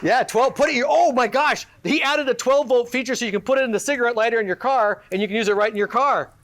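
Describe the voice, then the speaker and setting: A man with a strikingly high voice emceeing a live showcase. He talks in a bright, salesy pitchman patter and throws joking asides to the crowd. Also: fast talker, a little hiss or hum. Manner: upbeat pitchman delivery, joking asides to the audience. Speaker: event emcee. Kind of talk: live emcee patter introducing student products. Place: event venue with audience.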